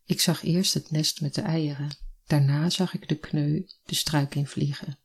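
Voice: medium pitch, fairly even intonation, unhurried, slightly rough. A reader doing a blunt bird-loving village man. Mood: earnest.

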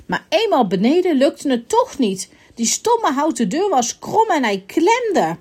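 Playful, expressive woman reading a children's story. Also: high-pitched, unhurried.

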